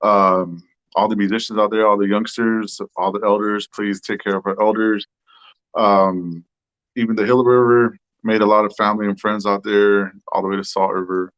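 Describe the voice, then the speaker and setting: A man's voice: lowish voice, little pitch movement, moderate pace, a bit bright, no room sound. A man from the Tohono O'odham Nation, a guest musician chatting casually and swearing now and then. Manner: laid-back, swears casually. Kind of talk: casual chat. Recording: slightly dull, dry sound.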